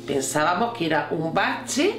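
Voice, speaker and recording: A woman from Spain speaks very slowly and reflectively in a documentary interview, with a fairly low voice. The room adds a roomy echo, and faint music sits under her words. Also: very animated. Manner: reflective, measured. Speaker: hospital colleague.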